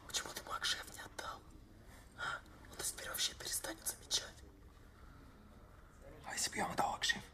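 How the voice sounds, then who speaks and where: An actor playing a young male soldier prisoner who speaks curtly and often drops to a hushed whisper. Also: long pauses. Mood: whispered reproach. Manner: quiet, hushed whispering in private talk. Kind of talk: film drama acting.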